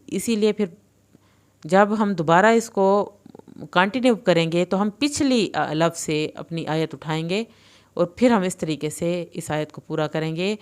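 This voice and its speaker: Female recitation teacher with an Urdu accent, crisp clear voice, explains then recites slowly. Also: on the low side. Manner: clear explanations alternating with slow drawn-out recitation. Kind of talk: tajweed lesson, explaining and reciting.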